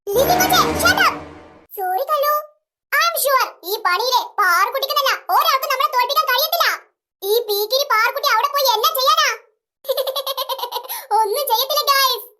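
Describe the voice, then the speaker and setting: A woman's voice: extremely high pitch, moderate pace, pushed and bright. A woman voicing a smug, boastful mean girl who mocks the heroine in a cartoon serial.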